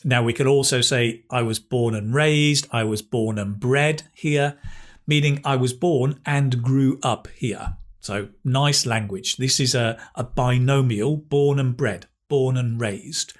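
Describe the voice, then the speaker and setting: A man with a mid-range voice working as an English teacher over a video call. He is cheerful and encouraging, and he drops his pace to spell out each useful phrase with care. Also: mid-range voice. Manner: upbeat, praising, explains slowly with emphasis. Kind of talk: interview then language analysis.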